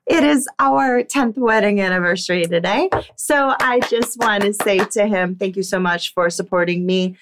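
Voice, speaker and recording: A woman's voice: medium pitch, normal speed, few pauses, noisy background. A woman co-hosting a workplace podcast, chatting casually and laughing often. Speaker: podcast co-host and HR trainer. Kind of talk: casual chat.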